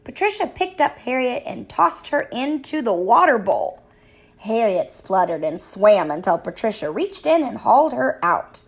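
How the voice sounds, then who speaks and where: A woman reads a picture book aloud to young children. Her voice sits on the higher side and rises and falls in a sing-song way. She reads slowly and with clear expression. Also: big pitch swings. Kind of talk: read-aloud storybook narration.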